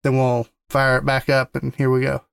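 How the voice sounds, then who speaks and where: A man's voice: medium pitch, monotone, normal speed, gravelly, a little hiss or hum. A man co-hosting a gaming podcast in casual chat, easygoing, repeating words and laughing often. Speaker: podcast co-host.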